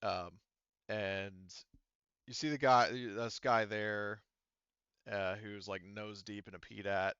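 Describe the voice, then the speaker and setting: Acting as game master, a man with a slightly low, smooth voice narrates casually and haltingly, rambling and hedging as he improvises. His intonation stays fairly even and his tone fairly bright. The lo-fi sound is close, dry and a little dulled, with no room sound.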